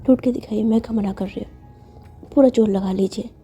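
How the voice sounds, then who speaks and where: A woman's voice: mid-range voice, steady tone, moderate pace, warm tone, breathy edge, faint music behind, close to an everyday voice. A woman voicing a cheeky, stubborn young woman. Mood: teasing. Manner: coaxing, cheeky and insistent. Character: teasing, stubborn young woman, playfully possessive. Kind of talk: story read-aloud with character lines.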